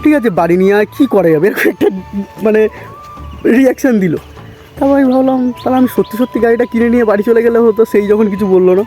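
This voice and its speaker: A man's voice: high-pitched, fast talker, mellow, faint music behind. A young man vlogging casually to his viewers, telling a story in a chatty way and often calling them brother. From West Bengal, India. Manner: chatty, keeps saying "bhai" and "thik ache". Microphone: handheld camera, self-filmed.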